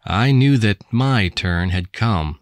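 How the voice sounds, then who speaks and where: An American woman reading English textbook passages aloud with careful, deliberate enunciation. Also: extremely low pitch, expressive, no room sound. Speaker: English text reader. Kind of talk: slow scripted textbook reading.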